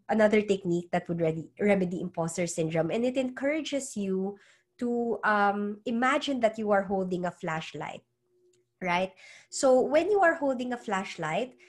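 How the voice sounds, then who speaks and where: As an interview guest, a psychologist and author coach gives earnest advice in English, which is her second language. Her voice is mid-range. She tends to repeat words as she searches for how to phrase things.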